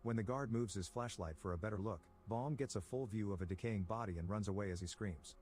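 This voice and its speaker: Recap voice-over, man with a lowish voice, rapid and steady delivery. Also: slight background noise. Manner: brisk, even, steady storytelling. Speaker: recap narrator. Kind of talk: scripted plot-recap narration.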